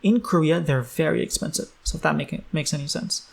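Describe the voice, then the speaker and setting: A man's voice: fairly high pitch, fairly quick, gravelly, slightly rough. A man teaching a language in a casual online lesson, loose and chatty with many ums.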